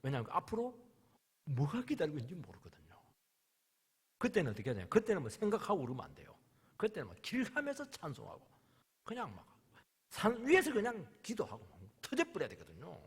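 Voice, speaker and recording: A man preaching a sermon as pastor, impassioned, swinging between loud outbursts and hushed whispers. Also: sits high, huge pitch swings, a little fast, long pauses, slightly rough. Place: church sanctuary. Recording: long church reverb.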